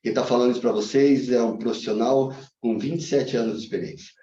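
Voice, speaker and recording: A man's voice: lowish voice, mellow. A middle-aged man, a hypnotherapist and teacher, lecturing a class with authority and emphasis. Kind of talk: classroom talk. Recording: distant, roomy, dull lo-fi sound.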